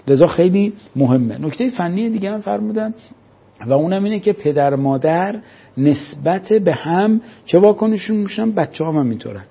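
A man with a husky, somewhat high voice lectures a class. He keeps up an animated delivery and answers his own rhetorical questions. The recording sounds dull and lo-fi. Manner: animated, rhetorical questions, acts out scolding parents. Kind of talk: religious-minded lecture to a class.

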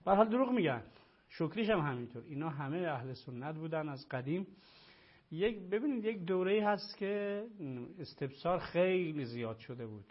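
A man's voice: on the high side, sing-song, breathy edge, muffled recording. A man, a religious scholar, answering a caller's questions in a live call-in discussion, lecturing emphatically and repeating phrases.

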